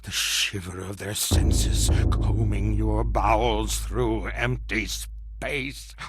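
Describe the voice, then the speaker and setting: A man playing a half-mad male survivor in a horror monologue, lurching between hushed whispers, manic laughter and shouts. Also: lowish voice, fairly even intonation, slow, background noise. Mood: haunted. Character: half-mad male survivor raving about monstrous parasites.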